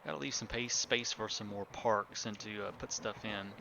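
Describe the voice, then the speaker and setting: A man's voice: on the low side, normal speed, gravelly, very noisy. A man streaming a building game live, chatting casually to himself and his viewers as he builds. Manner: relaxed, talks to himself while building, chats with viewers.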